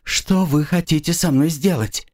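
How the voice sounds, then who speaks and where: A man's voice: on the high side, a little slow, a little mellow, voice pushed up, close to an everyday voice. A man voicing a frightened young female student who pleads and cries out in desperation. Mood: fearful.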